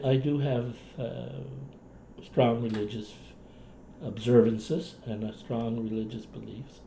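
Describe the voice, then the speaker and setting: An older, retired man with a Cape Breton accent, reminiscing in a relaxed, talkative, folksy way in conversation. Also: lowish voice. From Cape Breton, Canada. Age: older, past retirement. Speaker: interviewee, retired clinician and writer. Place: indoors in a home. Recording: roomy echo, faint background noise.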